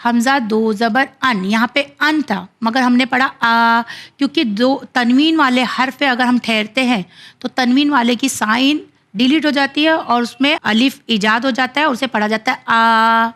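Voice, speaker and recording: A woman with a somewhat high voice teaches a children's Quran recitation lesson. She explains each rule patiently and step by step. She draws out her example readings slowly. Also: fairly bright tone.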